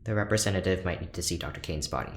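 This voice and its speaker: An actor with a low voice plays a reserved, awkward ship's doctor in a sci-fi audio drama, speaking hesitantly and with stiff formality in a cautious mood. The acting is light and naturalistic, yet the lines come out rapid-fire. The recording has a roomy echo and faint background noise.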